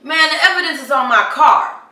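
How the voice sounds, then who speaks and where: Woman doing a brash young college dude, bright voice, echoey room, mic kinda far. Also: high-pitched, fairly quick, pitched above the performer's own voice. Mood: indignant. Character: young male college student from Hillman in a campus dispute.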